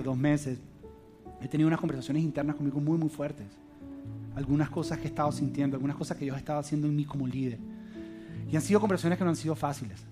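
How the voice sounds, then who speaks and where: A man preaching a sermon, telling a family story in an earnest, confiding way and dropping to soft, low tones. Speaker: pastor. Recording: music playing behind.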